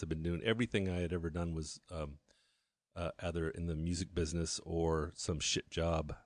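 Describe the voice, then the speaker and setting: A man in his fifties with a very low voice, recorded close and dry. He tells his story candidly in a halting way, often restarting with repeated words before he finds the thread. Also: darkish tone, dry recording. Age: 50s. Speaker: guest.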